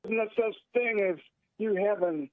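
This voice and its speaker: A man's voice: high voice, moderate pace, no echo. A man from Michigan calling in to a radio show, arguing heatedly with the host and talking over him. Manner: argumentative, talks over the host. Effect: phone line. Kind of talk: heated call-in argument. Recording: tinny phone line.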